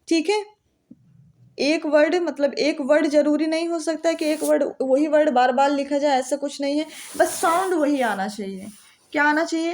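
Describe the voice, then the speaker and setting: A woman teaching English literature for exam preparation, with an Indian English accent, often asking a question and answering it herself, and reading English examples slowly. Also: sits high, darkish tone. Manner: repeats questions and answers them, slows down to read English examples. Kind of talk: exam-prep lesson.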